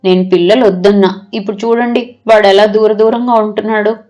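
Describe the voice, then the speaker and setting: A woman's voice: mid-range voice, fairly even intonation, fairly quick, darkish tone, faint music behind, natural voice. A woman voicing a tearful, loving young mother who speaks in a pleading, emotional way in an audio story.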